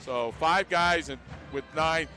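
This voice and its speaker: A man's voice: fairly high pitch, slow pace, pushed and bright, soft background music. An American man giving live pre-game basketball commentary as a play-by-play announcer.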